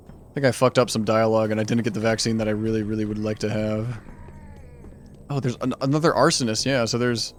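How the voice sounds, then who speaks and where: Brief: man, mid-pitched, loose rambling game-stream commentary, half talking to himself. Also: slight background noise. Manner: rambling, thinking aloud with frequent "like". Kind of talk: casual gameplay commentary.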